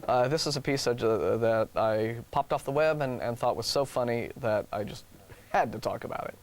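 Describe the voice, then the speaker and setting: In a TV studio, an American man co-hosts a talk show, reading news items and tossing in casual, wry, mocking asides. His pitch is medium and he talks at a normal speed.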